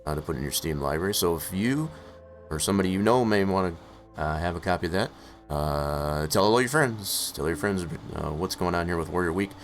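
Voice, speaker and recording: A man streaming live in casual chat, rambling with many fillers and hoarse from losing his voice. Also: low-pitched, expressive, a little fast. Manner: rambling, full of "uh" and "I guess, as far as" fillers. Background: faint music playing in the background.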